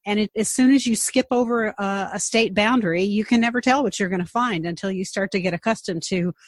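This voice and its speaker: A woman's voice: medium pitch, a little fast, no echo. A woman talking emphatically and expressively in a conversational interview. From Long Island, New York. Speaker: interviewer, genealogist.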